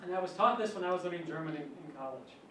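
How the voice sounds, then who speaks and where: A man with a fairly high voice gives a relaxed academic talk, full of chatty asides and self-amused anecdotes. He is picked up from some distance in a reverberant lecture hall with a faint background hum. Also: very fast. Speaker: physics colloquium speaker.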